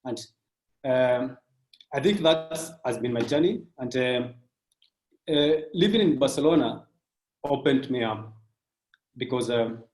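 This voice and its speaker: A man in his thirties talks through his thoughts in a measured, reflective way, dropping in frequent fillers. His voice is mid-pitched, and the recording has a noticeably roomy echo around it. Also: darkish tone. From Kenya. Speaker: sports business professional. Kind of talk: casual interview.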